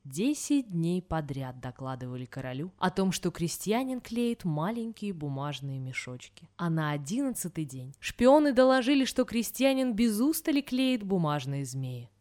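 A woman reading a folk tale aloud in an expressive storytelling manner. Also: fairly low pitch, normal speed, few pauses. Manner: expressive, sing-song storytelling.

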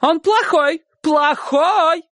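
A man voicing a fierce middle-aged aunt who screams at an intruder in a shrill, high voice. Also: very slow, fairly bright tone, no room sound, studio quality, full character voice. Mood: enraged shrieking.

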